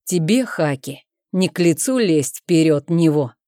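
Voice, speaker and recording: A woman's voice: deep voice, lively intonation, unhurried, dark tone, no echo, studio quality. A woman voicing a stern king who speaks solemnly. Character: stern old king, proclaiming.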